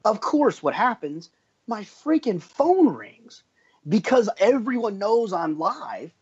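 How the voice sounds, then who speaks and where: A man co-hosting a horse racing podcast, telling a story with energy and lots of quick restarts. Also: high-pitched, slightly rough, muffled recording. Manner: animated storyteller with frequent restarts. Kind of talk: casual podcast chat.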